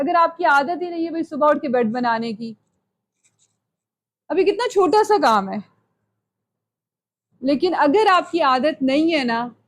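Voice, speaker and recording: A woman teaching a live lecture to young women in a conversational style, often checking in with her listeners and slipping English phrases into her talk. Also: sits high. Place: lecture hall.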